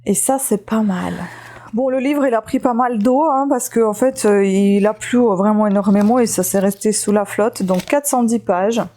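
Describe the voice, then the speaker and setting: A woman's voice: medium pitch, moderate pace, mellow. A tired woman in a casual book-haul video, chatting with many fillers and restarts and reading book blurbs aloud. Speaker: booktuber showing second-hand books.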